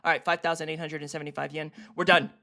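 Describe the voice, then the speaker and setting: A streamer ranks a video series while reacting casually, swearing freely. He's excitable and laughs easily, and his medium-pitched voice has a creaky edge.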